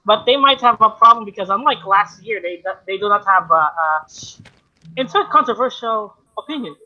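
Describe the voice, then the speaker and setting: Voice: mid-range voice, sharp tone, muffled recording. A co-host with a Filipino accent in casual panel chat, rambling with many fillers and restarts. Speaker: podcast co-host.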